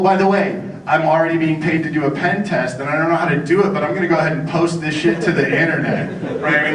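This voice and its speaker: A man giving a sarcastic, profane conference talk, mocking his targets and bantering with the audience. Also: on the high side. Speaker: conference speaker. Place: conference hall. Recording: echoey hall, distant mic, noisy.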